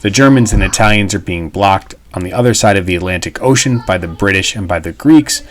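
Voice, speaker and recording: A history teacher with a low-pitched, brisk voice reads a text aloud and explains it as he goes. His read-aloud lesson is informal and emphatic.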